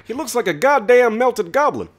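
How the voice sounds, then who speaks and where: A man switching impression voices while gaming, here playing a middle-aged, folksy, joking president with a halting delivery. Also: very high-pitched, big pitch swings, a little hiss or hum, pitched above the performer's own voice.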